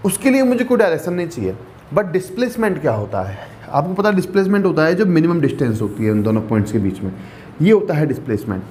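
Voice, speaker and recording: A male maths teacher lectures his class in a high voice with a darkish tone, against slight background noise. He mixes English terms into his explanations and checks in often with rhetorical questions.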